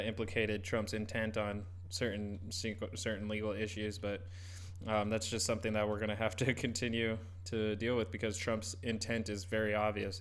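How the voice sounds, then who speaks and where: A man hosting casual live political commentary, speaking haltingly and often trailing off mid-thought. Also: on the low side, fairly bright tone, clean tone. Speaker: host reacting to a broadcast.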